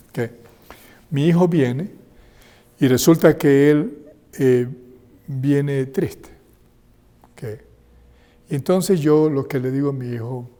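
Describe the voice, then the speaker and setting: A man's voice: medium pitch, warm tone. Man presenting in a reverberant hall. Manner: conversational, checks in with frequent tag questions. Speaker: seminar presenter. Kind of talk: health seminar talk. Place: seminar room.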